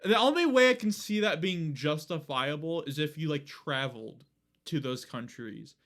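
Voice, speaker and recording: Rambling young male streamer, lively pitch. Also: moderate pace. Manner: rambling, filler-heavy, swears casually. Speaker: livestreamer. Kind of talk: casual live-stream chat.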